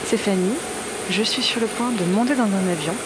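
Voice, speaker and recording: A woman's voice: mid-range voice, fairly quick, very noisy. Breezy woman recording while boarding a plane. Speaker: listener sending a voice message. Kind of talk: casual voice message on the go.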